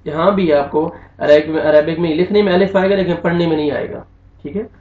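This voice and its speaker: A man teaching Quranic recitation, spelling out each syllable slowly and drawing out the recited words. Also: on the high side, fairly even intonation. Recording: echoey, distant, dull lo-fi room sound.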